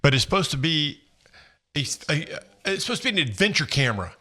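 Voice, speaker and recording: A man's voice: fairly high pitch, very animated, quick pace, bright, forceful tone. Rambling laid-back male podcast co-host. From Florida. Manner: rambling storyteller with restarts and impressions. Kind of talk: casual chat.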